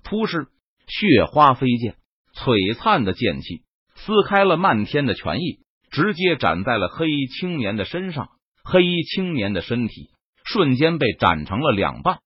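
Dramatic male storyteller, lively pitch. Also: unhurried, slightly rough, dry recording. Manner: dramatic reading that swells on the battle words. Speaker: audiobook narrator. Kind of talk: scripted web-novel narration. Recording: dull, lo-fi, dry recording.

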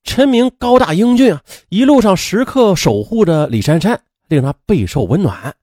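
Animated male true-crime storyteller, close dry sound. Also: sits high, normal speed, dry recording. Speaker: narrator of a true crime audio program. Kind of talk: lively spoken storytelling narration with conversational asides.

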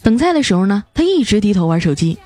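A woman's voice: medium pitch, big pitch swings, fast, warm tone, soft background music. A young woman hosting a comedy show, telling scripted jokes with playful punchline timing. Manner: playful, punchline-driven delivery. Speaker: comedy podcast host. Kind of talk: scripted comic storytelling.

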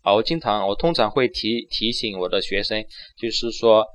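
A man whose first language is Chinese, teaching English pronunciation and slowing down to repeat phrases for learners. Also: fairly low pitch, fairly bright tone. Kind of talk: pronunciation lesson.

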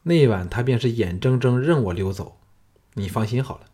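Man voicing a relaxed, wry swordsman hero. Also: mid-range voice, normal speed, husky.

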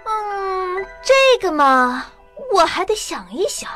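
A woman doing a shrill greedy wife. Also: lively intonation, slow pace, bright, forceful tone, soft background music, full character voice. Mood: coy. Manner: shrill, demanding, imperious. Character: greedy, bossy fisherman's wife, never satisfied.

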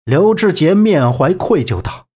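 A man narrating a martial arts novel as an audiobook, in an animated, dramatic reading. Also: a little high, measured pace, slightly rough.

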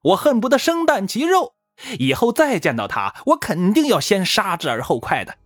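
A sly, fawning warlord, as a man puts him on for a storytelling show, his voice climbing high and swinging wildly as he flatters and laughs nervously. The delivery is dry and close, with soft music underneath. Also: moderate pace, no echo, full character voice. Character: fawning sly male warlord, two-faced.

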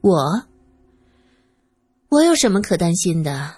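A woman voicing a guarded young woman who talks in a brisk, dismissive way. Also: on the low side, big pitch swings, darkish tone, breathy edge, heavily acted. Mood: offhand. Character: cool, guarded young woman, shrugging things off.

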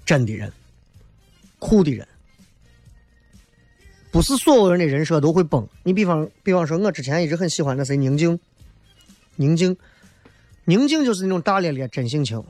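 A man's voice: a little high, very animated, normal speed, pauses often, darkish tone, dry recording, faint music behind. A man hosting a talk show, giving a casual comedic monologue in a colloquial, emphatic way, often tossing in rhetorical questions.

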